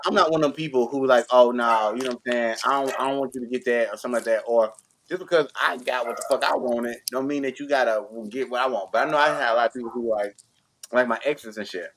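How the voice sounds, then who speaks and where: A man's voice: mid-range voice, fast talker, fairly bright tone. A man telling rambling, profane stories in casual chat, acting out both sides of old arguments and often saying "you know what I'm saying". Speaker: podcast co-host. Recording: noisy recording with clicks.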